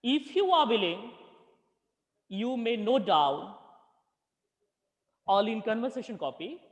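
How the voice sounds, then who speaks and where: A male teacher, leading an online class, slowly repeating questions and calling on students by name. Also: high-pitched, animated, big-room sound. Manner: slow, repeats questions and calls on students patiently.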